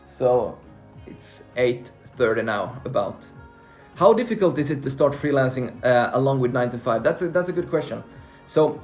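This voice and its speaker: In a casual live stream, a Finnish man whose first language is Swedish cheerfully answers viewer questions about freelancing. His mid-range, darkish voice is expressive and moderately paced, and he repeats words and restarts while reading comments aloud. Faint music plays behind him.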